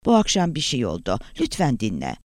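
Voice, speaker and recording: A man voicing a worried middle-aged male professor who talks in a halting, cracked, urgent way. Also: mid-range voice, huge pitch swings, no echo, clean studio sound.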